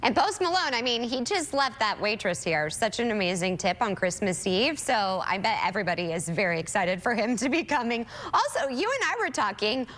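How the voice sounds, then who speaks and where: A woman's voice: on the high side, big pitch swings, fairly quick, hardly any pauses, a bit bright, in a large hall. A woman hosting a morning TV show, bubbly and playful in casual studio chat. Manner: bubbly, playful, calls people girl.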